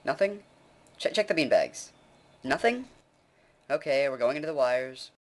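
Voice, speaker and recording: A man's voice: medium pitch, animated, unhurried, lightly acted. A man voicing a nerdy young male gamer who barks orders from his hideout. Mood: frantic.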